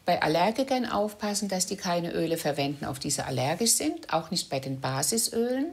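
A woman's voice: fairly low pitch, big pitch swings, a little fast, vocal fry, husky. Woman aromatherapist explaining a demonstration. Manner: plain, instructive.

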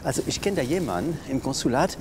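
A man's voice: medium pitch, sing-song, fast talker, noisy background. An actor playing a playful, flirty man gossiping with a colleague in a screen drama. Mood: sly, boastful.

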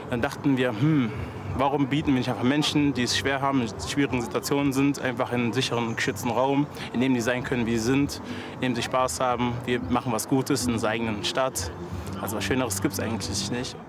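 A man in his twenties from Germany giving a relaxed interview statement with many fillers, outdoors in town. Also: mid-range voice, quick pace. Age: 20s. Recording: outdoor street noise behind.

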